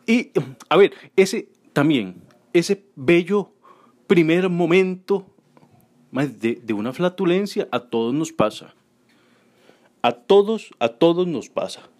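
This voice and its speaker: Crude self-mocking comedian. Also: male voice, fairly high pitch, animated, slow, long pauses, darkish tone. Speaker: stand-up comedian. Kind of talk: stand-up comedy monologue.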